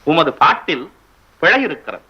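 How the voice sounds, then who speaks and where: A man's voice: a little high, sing-song, moderate pace, slightly rough. A young man in a school play, playing a proud, stern male court poet who speaks in lofty, reproachful formal tones. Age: teens. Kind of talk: school stage play acting. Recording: dull lo-fi stage recording.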